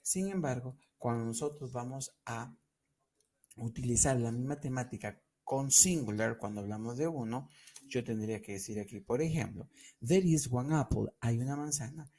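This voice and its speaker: A man's voice: mid-range voice, normal speed, mellow. A man co-teaching an English class, explaining grammar in Spanish with English example sentences.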